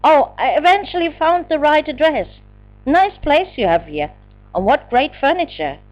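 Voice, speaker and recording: A woman's voice: high-pitched, big pitch swings, normal speed, dull audio, voice pushed up. A woman voicing a pushy young woman who greets everyone effusively and gushes over the place. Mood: gushing. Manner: effusive, gushing.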